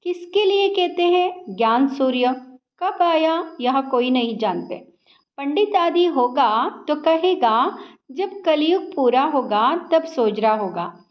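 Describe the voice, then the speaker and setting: A woman slowly reading a spiritual discourse aloud in a measured, instructive way. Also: sits high, lively intonation, lo-fi sound. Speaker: scripture reader.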